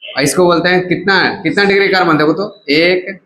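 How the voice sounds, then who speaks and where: Male chemistry teacher, coaxing call-and-response lecture, voice pitched a bit high, faint noise behind. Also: normal speed, sharp tone, poor audio. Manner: keeps asking the class to repeat terms; casual, coaxing teacher talk. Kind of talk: classroom lecture.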